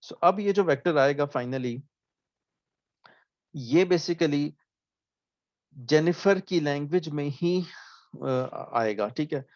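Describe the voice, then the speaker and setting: A lecturer with a slightly high, darkish voice gives a recorded math lecture, explaining slowly, often asking "ठीक है?" and restarting words. The recording is dull and dry.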